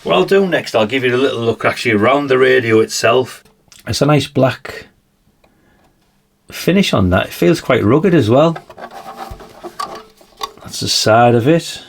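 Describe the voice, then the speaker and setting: A man with a slightly croaky voice, chatting casually through a radio review and tossing in tag questions. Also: medium pitch, expressive, a little slow, pauses often. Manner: chatty, adds tag questions like "isn't it, really?". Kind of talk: casual product demonstration.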